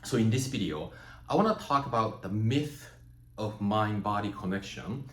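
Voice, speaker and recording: A man from Japan whose first language is Japanese, giving a measured, reflective spiritual teaching talk and often checking in with "right?" and "you know". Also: on the low side, expressive. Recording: roomy echo.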